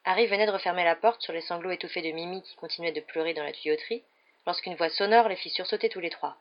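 A woman's voice: lowish voice, highs cut off. Woman reading a storybook aloud. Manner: measured, steady reading. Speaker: reader. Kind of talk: audiobook narration.

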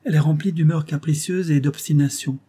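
An exasperated baron grumbles in a storybook reading, his voice pitched above the narration, as a male narrator puts him on. The tone stays dark and husky. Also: steady tone, a little fast. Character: exasperated male baron, fretting over a girl.

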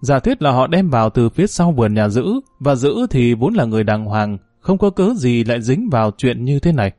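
A man narrating a village crime story in a steady, measured way. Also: mid-range voice, no echo, clean studio sound.

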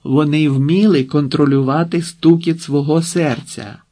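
A man reading an audiobook voices a lively, playful young woman who shouts her story over a loud roar. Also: fairly high pitch, measured pace. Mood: shouting a story.

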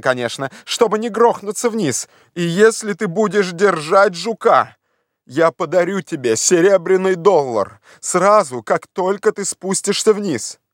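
A man voicing an excitable, obsessed gentleman in an audiobook, shouting eager orders. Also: sits high, no echo, studio quality, voice pushed up. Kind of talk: audiobook character voice.

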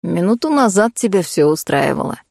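A woman voicing a blunt, teasing young man in an audiobook, speaking low and unhurried. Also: very animated, creaky, darkish tone, no echo, clean studio sound, heavily acted. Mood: smug.

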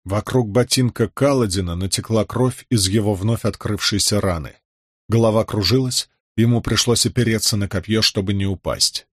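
A man reading a fantasy audiobook in a measured, steady narration. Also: lowish voice, dry recording, clean studio sound. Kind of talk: scripted narration.

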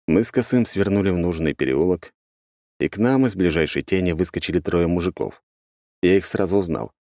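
A man reads a fantasy detective audiobook in a very low voice. His delivery is measured and even. The recording is dry and close. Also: dry recording. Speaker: audiobook narrator. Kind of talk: first-person audiobook narration.

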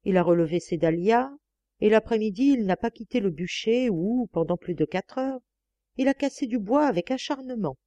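A woman narrating a novel in the first person as an audiobook reader, with a measured, expressive reading. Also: mid-range voice, dry recording.

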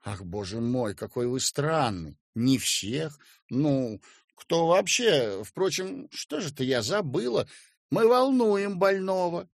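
A man's voice: on the high side, animated, takes it slowly, creaky, no echo, studio quality, full character voice. A man voicing a nervous, fussy middle-aged hostess who frets aloud. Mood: flustered. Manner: flustered, anxious.

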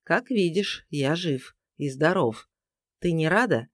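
Narrator reads a cool, unhurried man, steady and taunting, dry close sound. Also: a little high, no room sound. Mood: cold. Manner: calm, even and mocking. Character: calm, confident man holding a woman captive.

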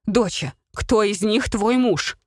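A woman's voice: medium pitch, takes it slowly, a little mellow, no room sound, clean studio sound, voice pushed up. A woman voicing a strict middle-aged mother, a teacher, who scolds sharply in a raised voice. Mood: scolding.

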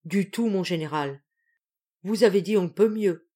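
A woman's voice: on the low side, normal speed, warm tone, natural voice. A woman voicing a loyal, devoted former soldier who answers his master politely in an audiobook. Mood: respectful. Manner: respectful, polite.

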